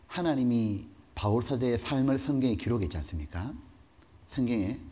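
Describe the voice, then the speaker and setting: A male pastor delivering a sermon, telling stories animatedly and asking the congregation rhetorical questions. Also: lowish voice. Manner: animated, storytelling, mock-dramatic. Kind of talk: sermon with dramatized storytelling.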